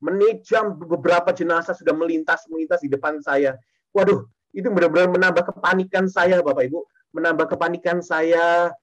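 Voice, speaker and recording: A man's voice: a little high, steady tone, brisk, highs cut off. A man giving a testimony sermon to a congregation, repeating his phrases and often turning to address the listeners directly.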